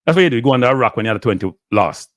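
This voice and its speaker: Middle-aged Jamaican man, live-stream host, preachy and lively, patois slips, dry close sound. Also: mid-range voice, very fast, dry recording. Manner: animated, lecturing, slips in and out of patois, answers viewer chat. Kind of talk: ranting live stream commentary.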